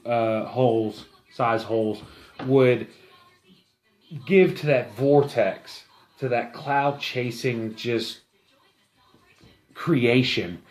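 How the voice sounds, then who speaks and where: A man giving a casual, rambling product review, enthusiastic but halting and full of fillers. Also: medium pitch.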